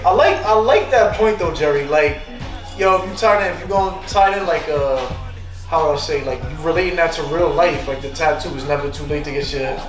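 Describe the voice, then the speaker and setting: A man with a high voice talks fast and animatedly as a podcast guest, circling back to repeat his points. He sits away from the mic in an echoey room, with faint music behind him. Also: recorded from a distance. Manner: animated, rambling, repeats for emphasis. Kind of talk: casual podcast chat.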